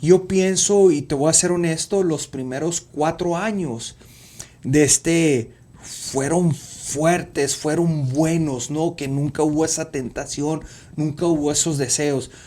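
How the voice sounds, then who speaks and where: Man, forties, earnest and halting, slightly higher-pitched voice, faith testimony, lots of fillers. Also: steady tone, dark tone. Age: 40s. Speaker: podcast guest, youth minister.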